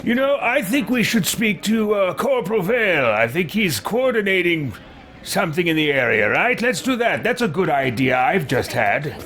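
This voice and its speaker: A gaming roleplay video creator gives commentary with video game music playing behind him, thinking aloud in hesitant musings and tossing out haughty in-character remarks. His high voice is very animated at normal speed, with background noise.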